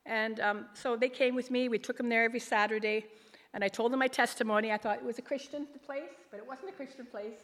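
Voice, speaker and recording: Speaking quickly in a steady, fairly bright voice that sits a little high, a lay ministry leader shares a rambling, earnest personal testimony. She is a middle-aged woman with a big, emphatic voice, addressing an audience at a church gathering in a large, echoing hall.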